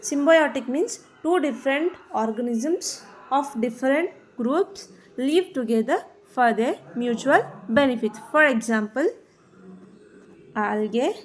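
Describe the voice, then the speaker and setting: In poor-quality audio, a woman with a South Indian accent delivers a biology lecture in a high, animated voice at a measured pace. As a teacher explaining definitions, she is emphatic and didactic and keeps repeating important terms.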